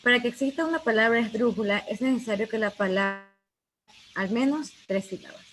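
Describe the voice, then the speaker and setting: A woman's voice: a little high, a little fast, fairly bright tone, faint music behind, rough recording. A young woman giving a class presentation as a student, reading definitions with hesitant fillers. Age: young adult. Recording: faint background noise.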